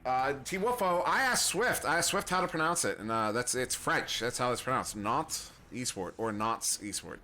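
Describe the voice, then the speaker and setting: A man's voice: on the high side, lively intonation, fairly quick, few pauses, pushed and bright, faint music behind. A young American man doing casual play-by-play commentary on an esports match, rambling and self-deprecating, often chuckling. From United States. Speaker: esports caster.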